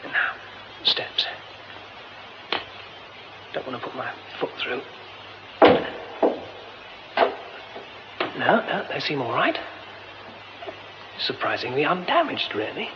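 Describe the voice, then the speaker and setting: A man's voice: medium pitch, very animated, unhurried, long pauses. An actor playing a nervy young theatre man, muttering to himself and stammering when flustered, in a radio drama. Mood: musing. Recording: dull lo-fi radio recording with hiss.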